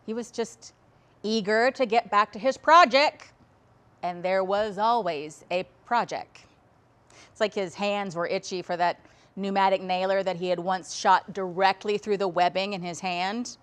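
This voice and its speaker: A woman's voice: medium pitch, steady tone, measured pace, fairly bright tone. Woman storyteller, wry and reflective, conversational monologue.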